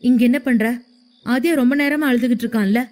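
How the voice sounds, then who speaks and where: A protective young husband in a spoken storybook, calming and gentle, as a woman narrator puts him on. The voice stays close to the reader's own, only lightly acted. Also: a little high, a little fast, close to an everyday voice. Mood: worried. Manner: soothing, reassuring.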